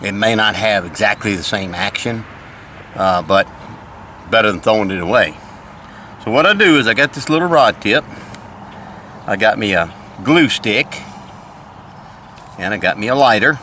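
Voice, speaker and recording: A man's voice: on the low side, expressive, moderate pace, long pauses, bright, forceful tone, a little hiss or hum. An older retired man, chatting casually in a folksy, plain-spoken way as he fishes and demonstrates things outdoors by a lake. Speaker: fishing vlogger.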